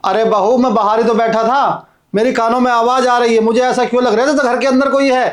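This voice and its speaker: A suspicious blind old father-in-law, played by a man, with a very high, thin voice. He calls out again and again and keeps pressing with questions. He comes from a homemade drama skit. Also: fairly even intonation, brisk. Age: older. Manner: calls out repeatedly, insistent questioning. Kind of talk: amateur Hindi drama skit.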